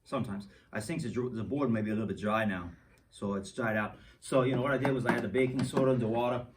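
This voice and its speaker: A man's voice: mid-range voice, steady tone, fast talker, far from the mic, noisy background. Playful man explaining science, off-mic. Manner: playful, jokey, rambling with restarts. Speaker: science show host. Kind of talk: goofy hands-on science demo for kids.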